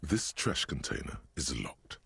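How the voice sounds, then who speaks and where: A man's voice: very deep voice, sing-song, measured pace, vocal fry, fairly bright tone, slight background noise. A man narrating a game in grave, literary descriptions.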